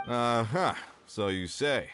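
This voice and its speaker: A man's voice: mid-range voice, lively intonation, takes it slowly, music in the background. A man voicing a genial, boastful, folksy uncle in a video game, hearty and colloquial in his delivery.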